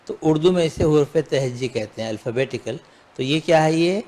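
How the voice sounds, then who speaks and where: Guy teaching letters, slightly high voice, goes slow and repeats stuff. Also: darkish tone. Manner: patient, drills letters by repeating them slowly. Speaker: Urdu teacher and show host. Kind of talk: classroom alphabet lesson.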